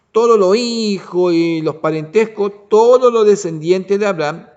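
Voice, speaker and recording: A man teaching a Bible lesson as pastor, often pausing to check the congregation understands. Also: sits high, a little mellow, muffled recording. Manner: restarts and asks "¿ya?" to check understanding. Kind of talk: Bible study sermon.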